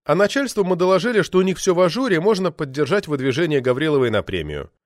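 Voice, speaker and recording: A man narrating an audiobook in an ironic, lively storytelling manner. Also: a little high, quick pace, dry recording, clean studio sound.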